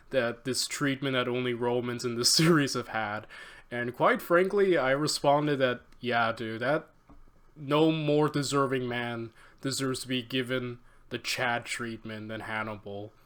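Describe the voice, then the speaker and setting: A man hosting a reaction video, chatting excitedly with many fillers and laughs. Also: medium pitch. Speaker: reaction channel host. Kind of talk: casual reaction commentary.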